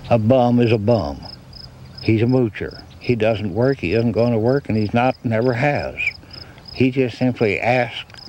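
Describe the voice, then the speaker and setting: Older American man storytelling over loud outdoor noise. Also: mid-range voice, measured pace, muffled recording. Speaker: interviewee. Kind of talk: oral-history storytelling. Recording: loud outdoor ambience with insects.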